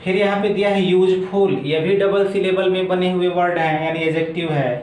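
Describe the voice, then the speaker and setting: Guy teaching english grammar step by step, kinda high voice, echoey room. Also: level tone, darkish tone. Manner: slow, step-by-step explaining, repeating each word form. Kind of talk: explaining grammar in a video lesson. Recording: echoey room with faint background noise.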